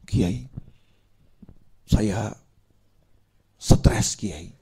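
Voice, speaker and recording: A preacher voicing a stressed man who complains in a low, quiet voice. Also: fairly even intonation, takes it slowly. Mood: weary. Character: weary stressed man pleading for help.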